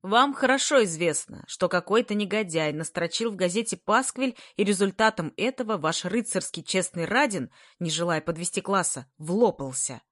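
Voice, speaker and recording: A woman voicing an excitable, skinny schoolboy who makes a speech in a loud, ringing, eager voice. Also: mid-range voice, normal speed, hardly any pauses, no echo, clean studio sound. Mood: eager, shouting. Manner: shouting, eager and insistent.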